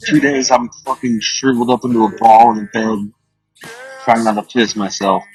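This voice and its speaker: A man's voice: lowish voice, steady tone, moderate pace, faint music behind, poor audio. A man in his thirties hosting a podcast, telling blunt, profane, darkly joking stories in a casual way. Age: 30s. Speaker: podcast host. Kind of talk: casual storytelling.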